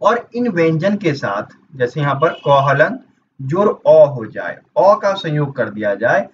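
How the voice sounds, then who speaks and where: A man's voice: on the high side, big pitch swings, slow pace. Man teaching grammar to exam students. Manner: explains step by step, asks and answers his own questions. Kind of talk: exam-prep grammar lesson. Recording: dull distant mic with faint noise.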